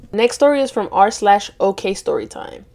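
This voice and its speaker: A woman's voice: mid-range voice, slow, a little mellow. A woman reading online stories aloud as a storytime host, breaking in with blunt, sarcastic asides.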